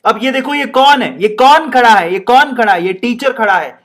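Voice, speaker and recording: A male chemistry teacher lectures in a playful, animated way and jokes as he teaches. His voice is fairly high for a man, and he slips English phrases into his talk. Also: normal speed. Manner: playful, jokey, laughs while teaching; animated, mixes Hindi and English. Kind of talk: classroom lecture.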